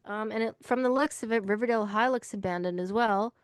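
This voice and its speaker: A woman's voice: on the high side, quick pace, smooth, dry recording, studio quality. A woman co-hosting a podcast in casual chat, rambling with many fillers. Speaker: podcast co-host.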